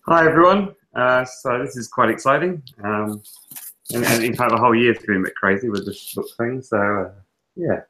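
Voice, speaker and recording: An English man in his thirties, a teacher and author, is a guest in a webinar interview, speaking casually with plenty of fillers and restarts. His mid-range voice moves at a moderate pace, captured by an earphone headset mic on a video call in a small home room, with background noise.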